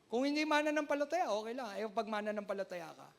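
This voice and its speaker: A man preaching a sermon as pastor, loud and near shouting, calling out to the congregation for amens. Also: animated, fast, vocal fry. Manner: loud, often sounds like shouting; acts out quoted voices with big pitch jumps.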